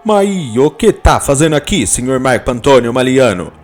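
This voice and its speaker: A man's voice: medium pitch, sing-song, faint music behind, close to an everyday voice. Man doing a jealous Italian husband. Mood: angry. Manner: loud, fast and scolding.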